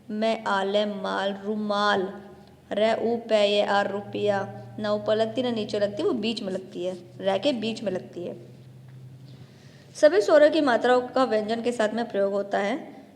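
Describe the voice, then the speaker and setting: A woman teaching a grade-one grammar lesson, talking to children and slowly spelling out syllables, stretching the long vowels. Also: fairly high pitch, long reverb tail. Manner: addresses children directly, patient explaining tone.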